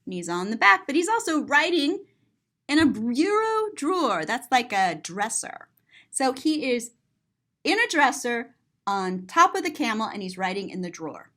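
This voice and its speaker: A teacher gives children an animated picture-book reading, describing the illustrations with playful expression. She speaks at a normal speed in a slightly high voice that sounds pushed and bright, with big pitch swings.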